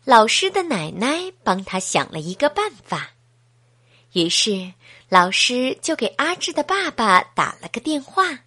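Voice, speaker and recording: A woman gently and expressively reading a children's picture book aloud. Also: on the high side, sing-song, a little slow, breathy edge, dry recording. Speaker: storyteller.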